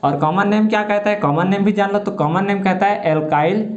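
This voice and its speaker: A man's voice: sits high, fairly quick. A man teaching a chemistry lesson, asking questions and answering them himself while stretching out key terms. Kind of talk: classroom lecture with call-and-response. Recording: roomy, muffled lo-fi sound.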